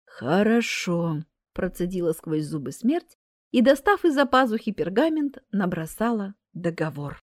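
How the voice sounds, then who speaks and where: A woman narrating a storybook tale in an expressive, animated storytelling style. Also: mid-range voice, normal speed, no echo, clean studio sound.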